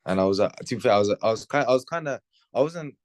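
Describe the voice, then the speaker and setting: With a medium-pitched voice and lively intonation, a Birmingham footballer in his late teens speaks at a quick pace during a casual interview. His style is laid-back and full of slang, with tags like "innit" and "you know what I mean." The audio is studio quality without any echo.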